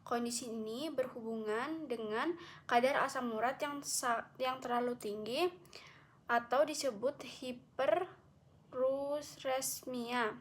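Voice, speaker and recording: A young woman who is a medical student gives a recorded class presentation in a high voice, taking it slowly. She reads carefully in an explanatory way and corrects herself often.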